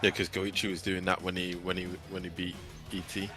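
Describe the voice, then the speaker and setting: Deep-voiced man in slangy chat. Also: level tone, a little fast, over music. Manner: casual, slangy. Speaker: co-stream co-host. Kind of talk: casual chat.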